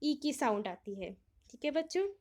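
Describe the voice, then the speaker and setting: Warm, expressive and high-pitched, a woman teacher explains a worksheet to small children at a moderate pace. She reads lines in English, explains them in Hindi, and asks questions that she answers herself.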